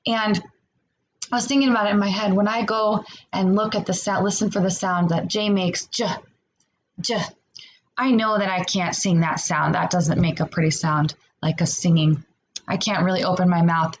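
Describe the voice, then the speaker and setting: A woman teaching a remote phonics lesson to young children, enunciating deliberately, sounding out word parts separately and prompting with encouraging questions. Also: lowish voice, fairly even intonation, a little hiss or hum.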